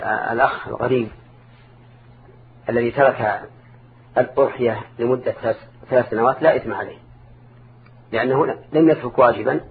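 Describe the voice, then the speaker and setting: An older man giving religious counsel in formal Arabic as a scholar, didactic, repeating and rephrasing for emphasis. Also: mid-range voice. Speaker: Islamic scholar answering listeners' questions. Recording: narrow phone-like band, clear background noise.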